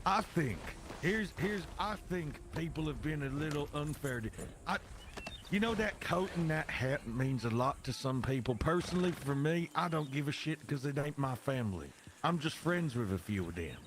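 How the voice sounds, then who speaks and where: A man playing a lively folksy cowboy, swooping voice. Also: fairly high pitch, moderate pace, noisy background, natural voice. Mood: cautious, persuading. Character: folksy, foul-mouthed, peacemaking male cowboy named Buzzard. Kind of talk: improvised western game role-play.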